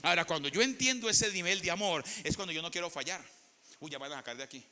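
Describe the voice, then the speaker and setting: A man's voice: fairly high pitch, quick pace, sharp tone. A male pastor with a Colombian accent, preaching a sermon in church with dramatic storytelling, acting out the characters and putting questions to the congregation. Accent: Colombian Spanish.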